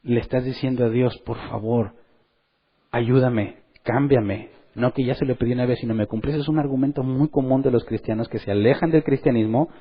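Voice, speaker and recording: A man preaching a sermon in church, lively, and acting out the voices of the people he quotes. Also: medium pitch, brisk, husky, highs cut off. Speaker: pastor.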